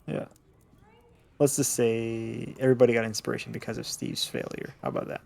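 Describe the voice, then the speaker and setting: A man running a tabletop game as dungeon master, his voice rough with fry. He narrates casually and stops to restart his sentences often. It sounds like a livestreamed home session. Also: medium pitch, level tone, fairly quick, darkish tone. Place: home setup, streaming online.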